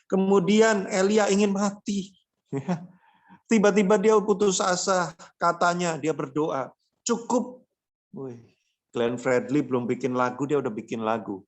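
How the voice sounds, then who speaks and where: Male youth pastor, slightly high voice, playful and slangy, acts out the people he quotes. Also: steady tone, unhurried. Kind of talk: casual youth sermon.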